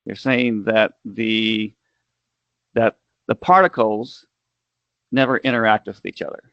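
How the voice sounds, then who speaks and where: A man's voice: fairly low pitch, steady tone, slow, vocal fry, a bit bright, no echo. A man interviewing over a video call who presses skeptical questions in the role of a critic. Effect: heard over a video call. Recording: dull, dry video call audio.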